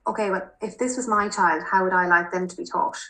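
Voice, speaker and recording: Bright-voiced woman with a west of Ireland accent. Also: medium pitch, steady tone, brisk. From Mayo, west of Ireland. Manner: chatty, emphatic, repeats phrases for emphasis. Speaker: podcast guest, primary school teacher. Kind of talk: casual interview, anecdotal.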